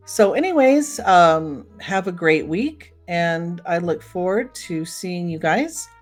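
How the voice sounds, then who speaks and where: Soft background music accompanies a woman hosting a solo podcast, talking informally to her listeners about old time radio. She speaks slowly and expressively in a voice on the low side.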